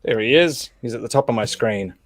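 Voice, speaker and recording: A man's voice: mid-range voice, fairly quick, very noisy. A man hosting an online table read over a video call, chatty and easygoing and laughing often. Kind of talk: casual video-call chat.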